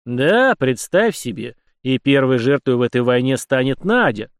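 A man's voice: medium pitch, very animated, normal speed, clear, resonant tone, no echo, clean studio sound. A man voicing a stern, commanding middle-aged captain in a storybook reading, clipped and strict. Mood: scolding.

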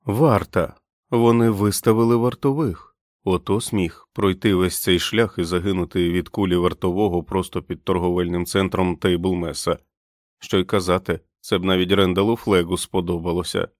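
A man narrating an audiobook in a measured, even reading voice. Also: low voice, no room sound, clean studio sound. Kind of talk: scripted narration.

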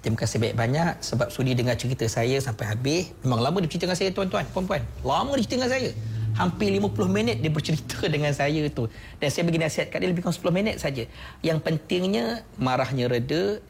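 A man's voice: a little high, animated, quick pace, creaky, a little hiss or hum. A man with a Malaysian Malay accent giving a persuasive motivational talk on the radio, speaking straight to the listener with repeated questions. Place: radio studio.

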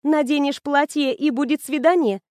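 A woman's voice: high-pitched, normal speed, dry recording, clean studio sound, voice pushed up, close to an everyday voice. Woman reading as a flustered smitten young woman. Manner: bashful, flustered, excited.

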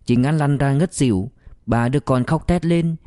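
A man narrates a story for an audiobook, with measured, expressive pacing. His tone is mellow and darkish and middle in pitch. The sound is dry and close, with no room around it. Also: dry recording.

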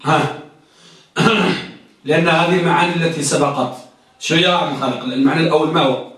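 A man's voice: a little high, fairly even intonation, brisk, fairly bright tone, distant mic. A man teaching a grammar class, quizzing his students and repeating each point until it sticks. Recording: echoey classroom recorded from afar.

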